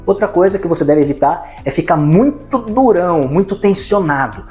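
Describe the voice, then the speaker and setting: A man's voice: high-pitched, lively intonation, moderate pace, a little mellow, faint music behind. A man teaching an online course lesson, colloquial and demonstrative, talking straight to the viewer. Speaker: course instructor.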